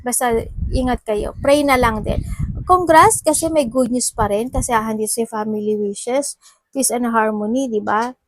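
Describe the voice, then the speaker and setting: A woman's voice: on the high side, moderate pace, rough recording. Chatty woman reading tarot. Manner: chatty, mixing Tagalog and English, with frequent fillers and asides. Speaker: tarot reader. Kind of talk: casual tarot reading monologue.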